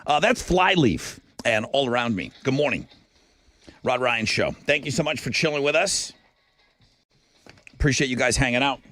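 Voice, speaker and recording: A man's voice: medium pitch, lively intonation, normal speed, long pauses, a bit bright, no echo. A man hosting a morning radio show in casual, slangy style, chatting and running contest call-ins.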